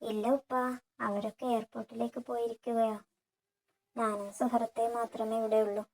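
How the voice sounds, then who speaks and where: A woman voicing a gentle, patient young wife who pleads and sobs. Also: a little high, flat delivery, moderate pace. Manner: pleading and sobbing.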